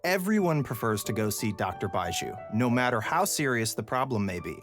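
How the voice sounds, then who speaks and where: Guy presenting a show, scripted but jokey, really lively voice, music under it. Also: mid-range voice, a little fast. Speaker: program presenter, voice actor. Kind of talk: scripted presentation with playful banter. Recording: music behind the voice.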